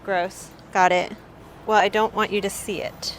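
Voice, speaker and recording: A woman narrating a casual RV vlog in a chatty, playful, excitable way. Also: mid-range voice, measured pace, slight background noise. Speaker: vlogger. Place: RV campground, indoors and outdoors. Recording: background music.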